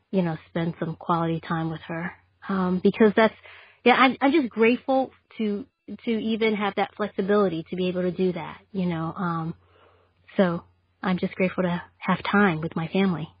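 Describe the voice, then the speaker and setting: Husky woman on a dry, muffled line. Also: lowish voice, no room sound. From New York. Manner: heartfelt, halting, with many fillers. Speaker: podcast guest. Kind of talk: casual chat.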